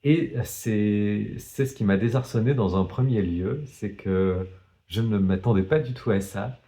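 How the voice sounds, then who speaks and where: A young man chats casually about a book, stopping often to restart his sentences and poking fun at himself. His voice sits low and mellow. He speaks slowly and unhurriedly. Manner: hesitant, many fillers and restarts; self-deprecating humor. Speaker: book vlogger. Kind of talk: casual book review vlog.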